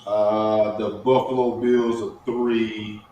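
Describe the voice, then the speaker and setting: A man's voice: on the low side, flat delivery, slow pace, dark tone, muffled recording, slight background noise. A man co-hosting a podcast, chatting about sports, reading out lists and mumbling his asides. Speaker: podcast co-host. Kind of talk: casual sports chat. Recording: roomy echo.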